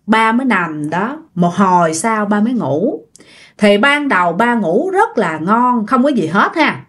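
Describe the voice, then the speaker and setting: A Southern Vietnamese-accented woman recounts a ghost story casually, chatting and addressing her listeners directly. She talks a little slowly in a medium-pitched, sing-song voice.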